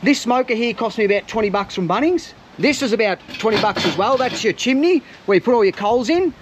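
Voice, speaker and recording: A man's voice: high voice, lively intonation, brisk, noisy background. An Australian man hosting a fishing and cooking vlog, chatting casually and upbeat to his viewers. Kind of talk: casual outdoor vlog commentary.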